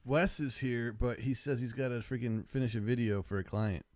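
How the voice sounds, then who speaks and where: A man's voice: medium pitch, fairly even intonation, normal speed, crowd noise. A man on a call in a casual debate, laid-back and pushing back, saying dude and like a lot. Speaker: co-host. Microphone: video call.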